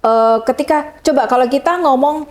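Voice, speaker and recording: A woman's voice: high voice, moderate pace. A woman, a guest in a casual interview chatting with many fillers and sharing hosting tips. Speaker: guest, MC and broadcaster.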